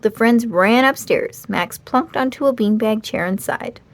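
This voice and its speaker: A woman with a fairly high voice reads from a children's storybook in an unhurried, expressive read-aloud style.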